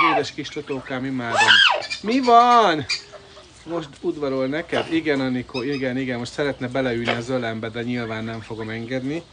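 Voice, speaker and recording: A man with a medium-pitched voice talks casually into his phone on a live stream, coaxing his pet bird in pet-talk between replies to viewers. He is outdoors, and bird calls come through clearly behind him. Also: heavy background noise. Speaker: livestreamer. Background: birds and fowl calling.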